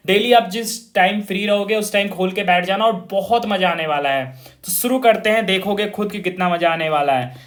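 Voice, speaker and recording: A man's voice: high-pitched, a bit bright. A man teaching a vocabulary class, repeating words in call-and-response drills and talking to his students as children. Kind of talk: informal online classroom lesson.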